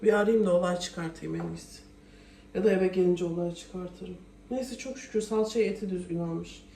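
A woman with a lowish, warm voice, a moderate pace and vocal fry chats casually in a home vlog from her kitchen, often exasperated as she complains. The room is echoey, her voice comes from a distance, and there is faint noise.

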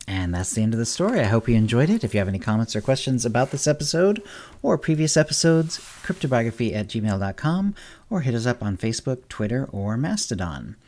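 A man narrating a scripted story as the host of a story podcast, in a measured way. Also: medium pitch, sing-song, darkish tone. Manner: measured, then brisk in the outro.

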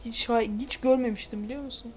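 A woman's voice: on the high side, fairly even intonation, fairly quick. A young woman chatting casually while playing a game, playful and giggly, tossing in English exclamations. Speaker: gamer. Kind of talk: casual gameplay chat.

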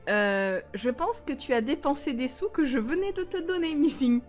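A woman's voice: high voice, animated, moderate pace, soft background music. A woman streaming a life-sim game, chatting casually and teasing her viewers. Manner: chatty, teasing, talks back to chat.

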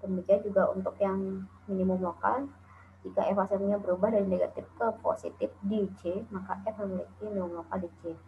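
Speaking a little fast in a steady, medium-pitched voice, a woman from Indonesia walks through a calculus lecture over slides one step at a time. She frequently drops in "eh" and "nah," and her tinny, lo-fi, phone-like recording carries slight background noise.

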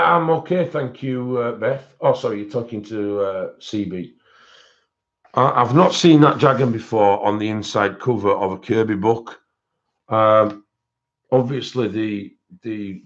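A man hosts a relaxed live-stream haul and keeps up a loose, rambling chat with his viewers. He speaks at an unhurried pace, with plenty of fillers and self-corrections. The recording sounds slightly dull and lo-fi. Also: lowish voice. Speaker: coloring book channel host.

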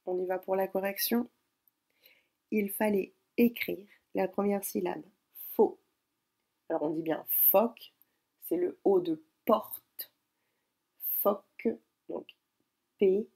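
A woman teacher dictating a spelling lesson very slowly, breaking each word into syllables and repeating it. Her voice is husky with a gravelly edge. Her tone is dark and mellow. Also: mid-range voice. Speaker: primary school teacher. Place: at home.

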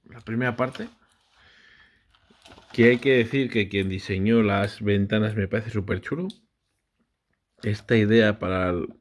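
A man, casually vlogging a brick build with his child, chatty and often unsure as he corrects himself. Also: fairly low pitch.

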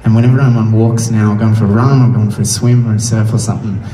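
A musician chatting loosely and gratefully to a crowd between songs at an outdoor concert, heard through the stage speakers. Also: male voice, fairly low pitch, steady tone, quick pace, dark tone. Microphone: stage vocal mic through PA. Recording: distant, echoey live PA sound with music.

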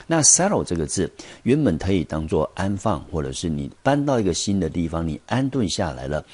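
A man teaching an English vocabulary lesson, explaining patiently and pausing on small fillers. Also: sits low, a little mellow, no echo. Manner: patient explaining, drawn-out pauses on "呢" and "好".

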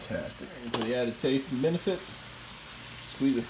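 In his home kitchen, a man reviews a skillet while cooking, chatting enthusiastically at a normal speed in a mid-range voice, full of restarts and fillers. He's off screen on the camera mic, and the kitchen sounds echoey with faint background noise.

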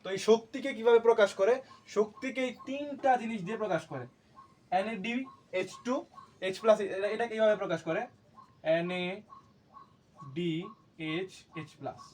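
A man with a high voice teaching a lesson at a board. He keeps putting questions to the class and answering them himself, and he repeats each key term so it sticks. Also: moderate pace, long pauses, a little mellow. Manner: asks and answers his own questions. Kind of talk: classroom lecture.

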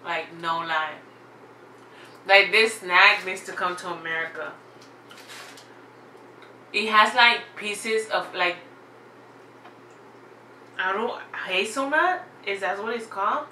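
A woman's voice: mid-range voice, slow pace, long pauses, bright, forceful tone, slight background noise. A woman chatting casually in a snack unboxing vlog, full of "like" and "y'all" fillers. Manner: chatty, filler-heavy, says "like" and "y'all" often. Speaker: vlogger reviewing snacks. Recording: echoey room, off-mic.

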